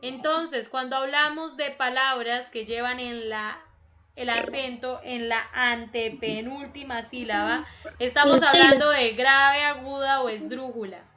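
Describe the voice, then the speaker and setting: A woman teaching an online class over a video call, repeating words slowly and clearly. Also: high-pitched, fairly even intonation, sharp tone. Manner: slow, repeats words syllable by syllable.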